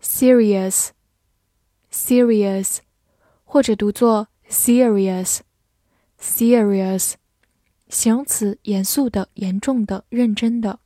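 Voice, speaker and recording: A woman's voice: mid-range voice, steady tone, takes it slowly, warm tone, no room sound, studio quality. A woman teacher reviewing vocabulary, saying each English word twice and then listing its parts of speech and meanings.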